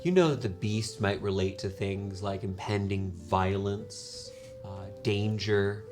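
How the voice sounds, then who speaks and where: A man's voice: on the low side, slow, darkish tone, soft background music. A man running a tabletop game as game master, describing scenes at length and often restarting his phrases.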